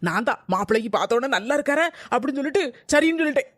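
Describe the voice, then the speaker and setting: A woman's voice: high voice, lively intonation, very fast, no room sound, clean studio sound. A woman playing a young daughter-in-law who defends herself indignantly in a family skit. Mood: arguing back.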